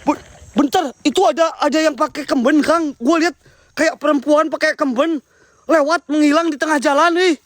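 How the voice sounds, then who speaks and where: A very high-voiced man hosts a night exploration vlog. He is nervous and jumpy, often repeating himself to his viewers. The sound is close and dry, recorded outdoors. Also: fairly even intonation, moderate pace, fairly bright tone, dry recording. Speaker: host of a ghost-hunting vlog. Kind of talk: excited live night exploration commentary. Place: outdoors at night in a rural area.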